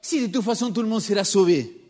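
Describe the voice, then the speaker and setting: Talking at a quick pace, a man with a high-pitched, darkish voice delivers a sermon to his congregation. He uses rhetorical questions to engage them, speaks with a noticeable non-native French accent, and is recorded amid the long reverb of a church hall.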